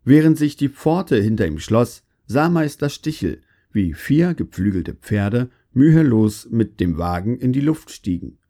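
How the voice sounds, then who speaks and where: A man narrating a fairy tale in a calm, even storytelling manner. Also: mid-range voice, a little slow, hardly any pauses.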